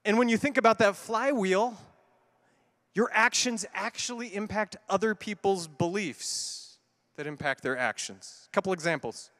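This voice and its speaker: A high-voiced man talks from a conference stage, animated and conversational. He throws in playful asides to the room. The large hall adds a long reverb to his voice. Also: measured pace. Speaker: keynote speaker. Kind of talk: conference keynote talk.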